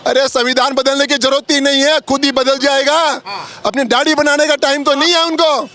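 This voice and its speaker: A man's voice: very high voice, steady tone, normal speed, bright, forceful tone. A man from Jaipur in Rajasthan, answering a street interview in a fervent, emphatic, speech-like way. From Jaipur, Rajasthan, India.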